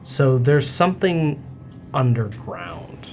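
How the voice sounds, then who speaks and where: A man narrating a tabletop role-playing game as game master, in halting, improvised phrases. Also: mid-range voice, very animated, soft background music.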